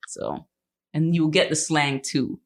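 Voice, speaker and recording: A woman from Canada, a life coach, chatting casually as a podcast guest in a relaxed, slangy way with frequent laughter. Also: deep voice, slow pace.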